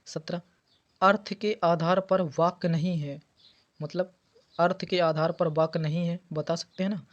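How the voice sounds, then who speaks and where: Patient male Hindi tutor, muffled audio. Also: fairly high pitch. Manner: explains patiently, repeats key words. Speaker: teacher. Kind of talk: exam prep lesson. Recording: dull lo-fi audio.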